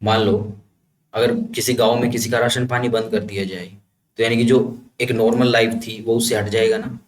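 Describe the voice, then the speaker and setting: Teaching words through mnemonics, a man speaks at normal speed in a somewhat low, level tone. His lesson moves step by step with regular comprehension checks, and the room is echoey with faint ambient noise.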